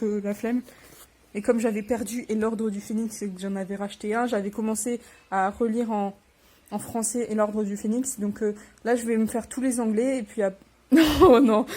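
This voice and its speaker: A woman's voice: on the high side, warm tone. A young woman, a little under the weather, chatting casually and rambling as she unboxes books for her vlog, with self-deprecating asides. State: a little sick. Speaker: book unboxing vlogger. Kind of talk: casual chat.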